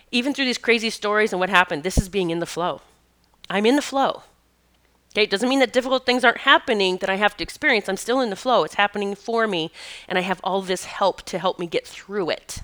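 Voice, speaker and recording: A woman's voice: mid-range voice, fairly quick, fairly bright tone. A woman hosting a show, telling a personal story in an earnest, emotional way, with restarts and laughs as she goes. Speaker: podcast host.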